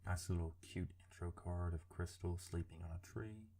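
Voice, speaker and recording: A man with a rumbly, serial-killer-like voice, giving informal, hesitant, self-deprecating commentary over a drawing video, with casual swearing. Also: steady tone, normal speed, gravelly, dark tone. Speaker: artist narrating a drawing video.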